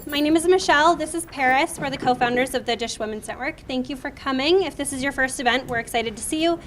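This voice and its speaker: A woman's voice: sits high, fast talker, a bit bright, slight background noise. A woman hosting a network event, welcoming the crowd and asking the guest questions in an upbeat way. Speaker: event host and moderator. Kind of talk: event introduction and interview questions. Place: event room.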